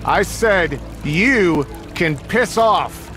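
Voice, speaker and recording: Older crime boss in a game, sneery, swings all over in pitch, loud music. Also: male voice, sing-song, moderate pace. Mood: mocking. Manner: theatrical, sneering. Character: menacing, mocking, hot-tempered male gang boss. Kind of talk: video game voice acting.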